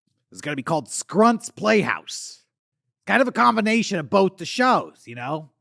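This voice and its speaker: A man's voice: sits high, big pitch swings, normal speed, creaky, bright, forceful tone, no room sound, clean studio sound, exaggerated voice. A man voicing a washed-up male alien star from the eighties who rambles and slurs, swinging between boasting and muttering, in a comedic monologue. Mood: maudlin. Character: washed-up male 80s alien puppet star, boozy and bitter. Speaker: talk show host character.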